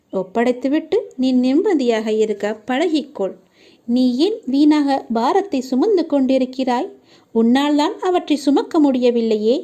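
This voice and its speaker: Woman, devotional address, gentle, reassuring, warm mellow tone, slightly high pitch. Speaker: devotional message reader. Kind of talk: devotional address spoken as a deity's message.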